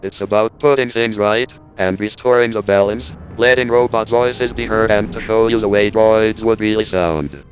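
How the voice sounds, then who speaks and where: A man doing a deadpan, indignant robot spokesman. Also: lowish voice, normal speed, hardly any pauses, lo-fi sound, a little hiss or hum, natural voice. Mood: stern. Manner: stiff, deadpan lecture. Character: indignant male robot spokesman, cold and logical. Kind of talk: scripted parody monologue.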